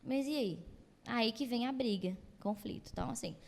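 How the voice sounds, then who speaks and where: A woman's voice: a little high, moderate pace, slight background noise. Chatty woman in a reverberant room. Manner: animated, acts out quoted dialogue. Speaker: psychologist guest. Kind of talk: casual podcast conversation.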